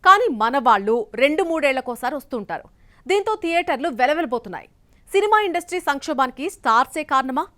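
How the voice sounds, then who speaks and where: A woman's voice: sits high, animated, a little fast, a bit bright. A woman news anchor introducing stories with questioning headlines.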